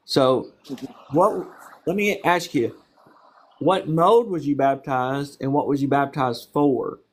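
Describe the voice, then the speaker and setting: A man's voice: mid-range voice, slow pace, a little hiss or hum. A man with a Southern accent asking questions on the street, patient and probing, reaching for homely examples. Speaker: street interviewer. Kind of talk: casual questioning.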